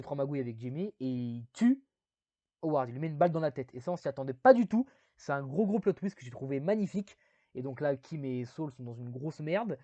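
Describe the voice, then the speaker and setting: A man talks through a casual video review, rambling along with plenty of fillers and apologetic asides. His pitch sits at an ordinary middle level. The recording is dry and slightly dull, like a basic home mic. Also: warm tone, no room sound. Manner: rambling, many fillers, self-deprecating asides.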